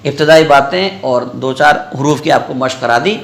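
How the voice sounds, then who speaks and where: A man's voice: medium pitch, normal speed, vocal fry. A man teaching a Quran reading lesson in a classroom. He drills syllables one by one and keeps checking that his students follow. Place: madrasa classroom with students present. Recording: roomy echoey classroom.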